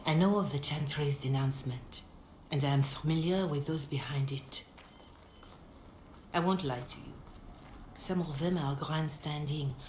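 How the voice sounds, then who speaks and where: An actress playing a calm, compassionate middle-aged holy mother in a fantasy video game, speaking in a measured, gentle, solemn way. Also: low-pitched. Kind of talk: dramatic video game dialogue. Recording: roomy echo, background ambience noise.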